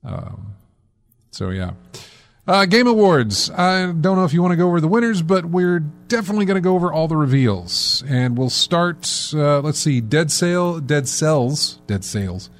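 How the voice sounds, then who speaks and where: A man's voice: fairly high pitch, expressive, normal speed. A man hosting a casual gaming podcast, rambling and correcting himself with lots of fillers. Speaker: podcast host.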